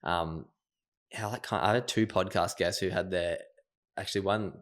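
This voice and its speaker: A man's voice: low voice, normal speed. A man hosting a podcast, chatting casually with his guest and reflecting on what was said. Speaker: podcast host. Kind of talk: casual interview chat.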